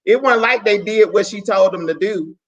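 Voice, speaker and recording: Middle-aged woman, podcast guest, casual plain-spoken chat, mid-pitched voice, dull muffled sound. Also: normal speed, a crowd in the background.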